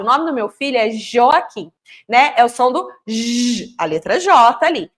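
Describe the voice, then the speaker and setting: A Brazilian woman in her thirties with a slightly raised pitch, giving a lesson on literacy. She explains step by step and sounds out each letter with emphasis as she demonstrates. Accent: Brazilian Portuguese. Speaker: literacy teacher. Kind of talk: instructional explanation.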